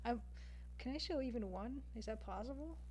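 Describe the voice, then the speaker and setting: With an animated voice that's on the high side yet darkish in tone, a Canadian livestreamer talks at normal speed. She's a game artist chatting casually with viewers and thinking aloud as she draws.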